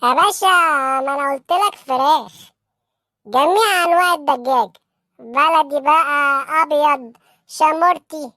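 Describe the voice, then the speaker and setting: In an Egyptian comedy cartoon, a performer plays a naive young street hustler who is a respectful petty-crime suspect, delivered with an Egyptian accent in an earnest, deferential, matter-of-fact way. The voice is high, bright and forceful at a moderate pace, recorded dry with clean studio sound.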